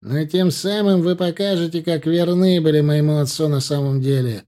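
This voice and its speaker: A man's voice: a little high, fairly even intonation, normal speed, mellow, voice pushed up, close to an everyday voice. Male narrator putting on a defiant young leader, raised and proud, audiobook style. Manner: proud, rousing.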